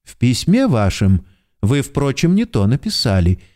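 A man's voice: medium pitch, wildly swooping pitch, measured pace, a little mellow. A man voicing a smug, coolly dismissive male clerk who answers in a curt, condescending way in an audiobook. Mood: cold. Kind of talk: audiobook character voice.

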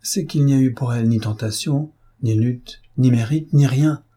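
A man's voice: mid-range voice, normal speed, dark tone, breathy edge, close to an everyday voice. A man reading an audiobook, voicing an earnest, proud young upper-class woman who speaks with heartfelt, emphatic pleading. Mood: impassioned.

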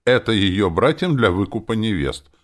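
A man voicing a cocky, blunt young dark mage in an audiobook, flippant and dry. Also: fairly low pitch, animated, moderate pace, voice pushed up, natural voice. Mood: cold.

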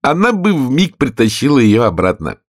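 A man's voice: medium pitch, very animated, normal speed, no echo, clean studio sound, voice pushed up. A man playing a polite curious young girl. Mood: eager. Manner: polite, eager, rising questions.

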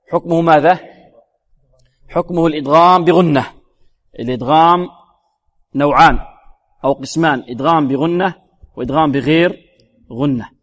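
A man teaching Quran recitation rules, quizzing his listeners with repeated questions and slowly demonstrating each sound. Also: on the high side. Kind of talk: tajweed lesson. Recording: long reverberant hall.

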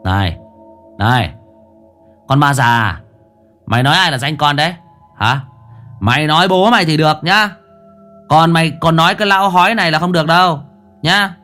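A man voicing a brash young male sorcerer's apprentice who talks in a rough, mouthy street manner. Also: on the high side, moderate pace, pauses often, bright, forceful tone, soft background music, voice pushed up. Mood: cocky.

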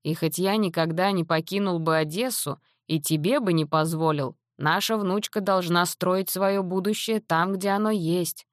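A woman reading an audiobook, voicing a calm, gentle old grandfather who speaks low, slow and measured. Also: no room sound, studio quality, lightly acted. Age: older.

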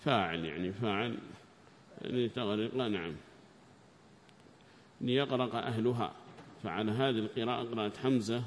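A male scholar teaching a tafsir lesson, reading passages aloud in a raised voice and then explaining them quietly. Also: medium pitch, long reverb tail, a little hiss or hum. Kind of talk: classroom lesson commentary.

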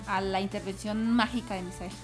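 A woman's voice: medium pitch, fairly even intonation, brisk, over music. A woman with a northern Mexican accent hosting a radio show, chatty and playful, laughing often. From Chihuahua, Mexico. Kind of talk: casual radio chat. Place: radio studio.

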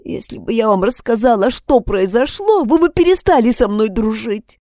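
A woman's voice: high-pitched, big pitch swings, measured pace, a little mellow, dry recording, studio quality, pitched above the performer's own voice. A woman reading an audiobook, voicing a distraught teenage schoolgirl who pleads and sobs. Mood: desperate. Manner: pleading, sobbing outbursts.

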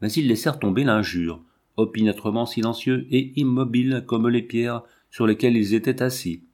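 A man narrating a classic novel as an audiobook in a measured, dramatic reading. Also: medium pitch, darkish tone.

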